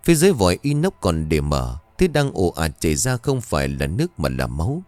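A man narrating a scripted horror story in a slow, suspenseful reading voice. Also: low-pitched, huge pitch swings, a little mellow, no room sound. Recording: music bed behind the voice. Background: faint music.

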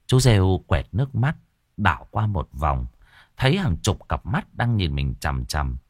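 A man narrating a ghost story in a dramatic, expressive way. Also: low-pitched, unhurried, dry recording, studio quality.

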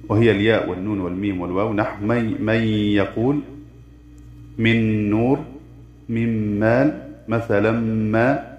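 A man teaching the rules of Quran recitation, chanting verses of a poem and then explaining them in measured, formal tones. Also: on the low side, darkish tone. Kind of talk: lesson explaining a didactic poem. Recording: dull echoey room recording.

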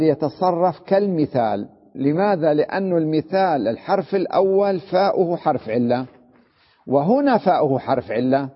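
Man teaching grammar in an echoey hall. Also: on the high side. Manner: explains step by step, repeating examples and asking the class questions. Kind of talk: grammar lesson. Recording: dull, echoey hall recording.

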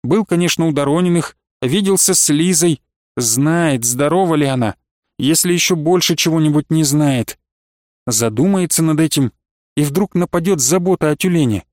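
Man with a dry, measured storytelling voice. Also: fairly high pitch, darkish tone, dry recording. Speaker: audiobook narrator. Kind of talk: scripted narration of a classic novel.

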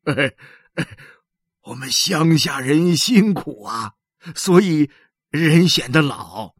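A woman's voice: deep voice, lively intonation, slow, slightly rough, no room sound, studio quality, heavily acted. A woman voicing a weary, plain-spoken countryman. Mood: homely.

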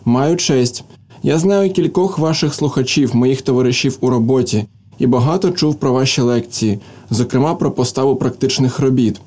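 A man's voice: mid-range voice, normal speed, mellow, natural voice. A man reading the part of a self-confident young engineer who talks casually and a little provokingly. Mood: polite. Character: brash, familiar young male engineer.

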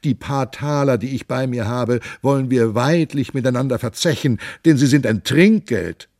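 A man's voice: mid-range voice, normal speed, a little mellow, dry recording, studio quality, natural voice. A man voicing a sly young cavalier who plays a poor devil, wheedling and pleading, at times shrieking in a frenzy.

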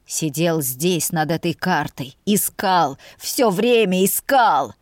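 A woman's voice: lowish voice, slow pace, dry recording, clean studio sound. A woman voicing a remorseful older man who pleads through tears, his voice shaking. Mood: anguished. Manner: trembling voice.

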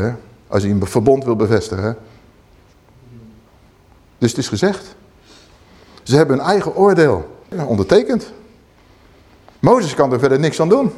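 A man preaching a sermon, animated, swinging between loud exclamations and low emphatic asides.

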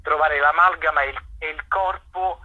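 His voice on the high side and the sound lo-fi, a man who acts and directs speaks as an informal interview guest. He is expressive yet halting, illustrating his points with homely examples.

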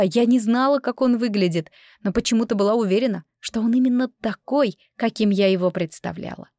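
Woman reading a story out loud, calm and even, dry close mic. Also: mid-range voice, no echo. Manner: calm, measured first-person reading. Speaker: audiobook narrator. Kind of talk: scripted narration.

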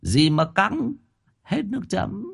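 A man's voice: high-pitched, very animated, slow pace, creaky, slightly rough, pitched above the performer's own voice, full character voice. A man doing a cheeky singsong village joker. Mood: teasing. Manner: teasing, singsong, joking. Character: cheeky joking middle-aged village man.

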